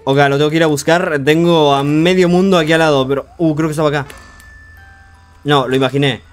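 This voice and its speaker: A man's voice: on the high side, fairly even intonation, faint music behind. Frantic young male gaming streamer. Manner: frantic, urging himself on with rapid repeated words; jokey, talks to the game's characters. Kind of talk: live horror game commentary.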